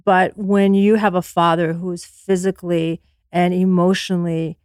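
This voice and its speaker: A woman's voice: fairly low pitch, flat delivery, measured pace, darkish tone, clear, resonant tone, no echo, studio quality. A woman interview guest, born in Afghanistan and raised in the US, speaking earnestly and with self-assurance about her life. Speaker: podcast guest, entrepreneur. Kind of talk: candid interview conversation.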